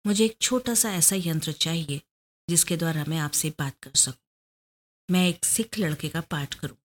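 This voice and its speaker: A woman voicing a proud, determined young woman detective who pleads her case earnestly. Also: low-pitched.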